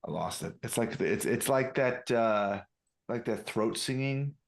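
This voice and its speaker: A man playing in a tabletop game, joking and animated as he describes his character's actions. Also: medium pitch, unhurried, gravelly. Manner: animated and joking, with lots of restarts. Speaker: player. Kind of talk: casual tabletop play.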